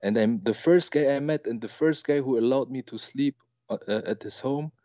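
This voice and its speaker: Over dull audio with no room sound, a medium-pitched man speaks at normal speed. He's a German caller in his twenties recounting a personal story on a call-in program, emotional and hesitant, restarting often and using lots of fillers.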